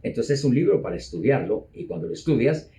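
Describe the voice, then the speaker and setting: A man talking as an interview guest, explaining at a measured pace and often repeating words. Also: medium pitch, big pitch swings, gravelly, warm tone. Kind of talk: conversational explaining.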